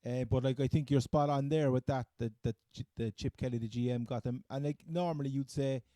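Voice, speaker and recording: Male podcast co-host, Cork accent, very soft mellow tone, close dry sound, halting casual sports chat. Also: mid-range voice, steady tone, dry recording. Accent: Cork, Irish. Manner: halting, hesitant phrasing.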